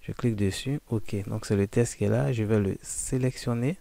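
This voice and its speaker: Male tutorial presenter: low, mellow, dry close voice, casual chatty walkthrough full of fillers. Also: normal speed, creaky, no echo. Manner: informal, addresses listener as tu, frequent "en fait" fillers. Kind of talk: casual screen-recording walkthrough.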